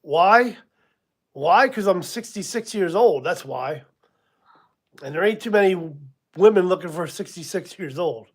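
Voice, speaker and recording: An expressive, high-pitched man in his sixties runs a laid-back live stream at a measured pace with long pauses. He wanders off topic a little, laughs at his own remarks, uses many ums, and replies to viewers by name.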